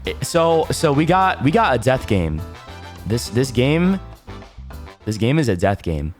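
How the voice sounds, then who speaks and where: A man doing casual game commentary as a streamer, reacting haltingly and repeating his phrases. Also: medium pitch, big pitch swings, faint music behind.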